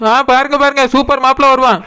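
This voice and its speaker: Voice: high-pitched, fairly even intonation, fast talker, sharp tone, clear, resonant tone. A performer voicing a bold young woman who sells fish and stands up for her sister, retorting with a Kanyakumari Tamil accent. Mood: defiant. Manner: assertive, retorting. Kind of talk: cartoon voice acting.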